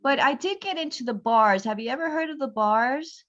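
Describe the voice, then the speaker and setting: On a slightly dull, lo-fi recording, a female guest in a casual conversation talks at a moderate pace in a high-pitched voice. She's rambling and laughing, quoting people with lively energy.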